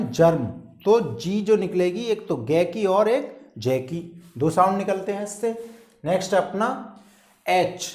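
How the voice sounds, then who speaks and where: A man with a Hindi accent teaching an English lesson step by step, often checking with "clear?". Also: sits high, darkish tone. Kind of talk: classroom-style lesson. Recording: echoey room.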